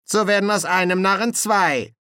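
A man's voice: high voice, normal speed, sharp tone, smooth, no room sound, studio quality, pitched above the performer's own voice. A man voicing a scruffy, timid army corporal in an audiobook, with a whiny, grumbling voice. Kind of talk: audiobook character voice.

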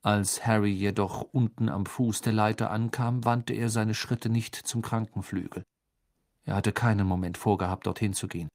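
A man reading an audiobook aloud in an expressive storytelling way. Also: lowish voice, normal speed, dry recording, studio quality. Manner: expressive storytelling, voices the figures. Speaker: audiobook narrator. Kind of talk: scripted narration.

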